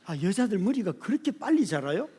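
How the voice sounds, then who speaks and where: A high-voiced man in his fifties preaches a sermon, telling stories about family life. He swings between soft, hushed asides and loud bursts, and keeps drawing the congregation in with questions. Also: very animated, brisk, slightly rough. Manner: storytelling, swings from quiet asides to sudden shouts; speaks to the congregation directly, often asking "right?". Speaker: pastor.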